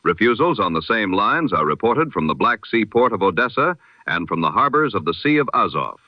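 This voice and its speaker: The dull lo-fi sound of an old radio filter colors this dry recording of a man reading a scripted news bulletin. His voice sits on the low side and is very animated, a little fast, yet formal, solemn and rhetorical, like a 1920s radio announcer.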